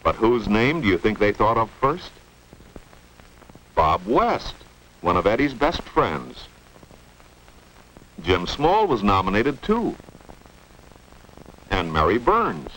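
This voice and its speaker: A man's voice: lowish voice, big pitch swings, slow, pauses often, a bit bright. An American man narrating a 1950s instructional film in an explanatory way, posing rhetorical questions. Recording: noisy vintage 1950s film soundtrack.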